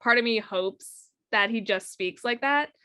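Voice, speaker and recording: A woman's voice: fairly high pitch, unhurried, pushed and bright. A young woman co-hosting a film podcast in casual chat, reacting emphatically. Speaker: podcast co-host.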